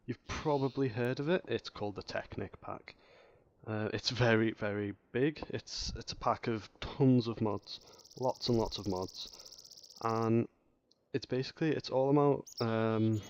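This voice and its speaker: A man hosting a casual gameplay tutorial, rambling and hesitant, often restarting sentences and filling pauses. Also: mid-range voice, slight background noise. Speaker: gaming channel host.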